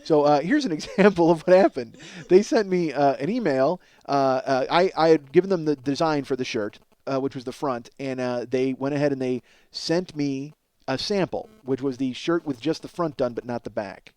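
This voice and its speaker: A man in his forties hosts a comedy podcast, rambling through casual stories in a profane, self-deprecating, emphatic monologue. His voice is medium-pitched and a little mellow, with a moderate pace and no echo.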